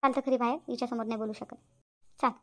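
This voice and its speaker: A woman's voice: high voice, fast. Woman doing a meddling cartoon neighbor aunt. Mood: coaxing. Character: meddling middle-aged neighbor aunt, advising. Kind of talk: cartoon voice acting.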